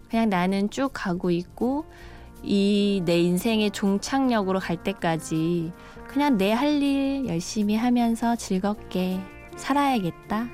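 A woman in her thirties tells her story with earnest reflection, in an interview answer. Her pitch sits mid-range, and soft music plays faintly underneath. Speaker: tourist train attendant.

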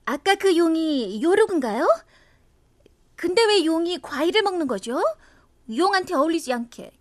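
Spirited young fantasy heroine: high-pitched, outspoken, exclamatory radio drama delivery. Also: female voice, moderate pace. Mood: curious, bold. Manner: expressive, exclamatory. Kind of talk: animated audio drama acting.

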